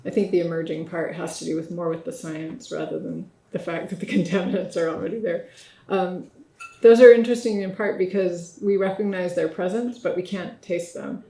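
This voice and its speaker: A woman's voice: lowish voice, fairly even intonation, fairly quick, mellow. A middle-aged woman leading a workshop discussion, summarizing points and inviting comments from participants. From United States. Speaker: workshop facilitator. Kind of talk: moderating a group discussion. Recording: echoey room.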